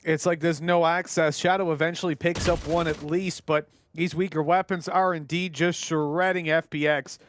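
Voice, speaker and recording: A man's voice: a little high, background noise. A man giving chatty, jokey color commentary on an esports match. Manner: chatty, jokey, quick bursts of excitement. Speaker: esports co-caster.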